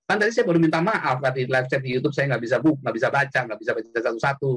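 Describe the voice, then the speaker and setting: A man hosting an online call-in, preaching casually and answering a caller with animated, lively delivery. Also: very fast, slightly rough. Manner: animated, jumps high when quoting or shouting. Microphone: computer mic on an online call.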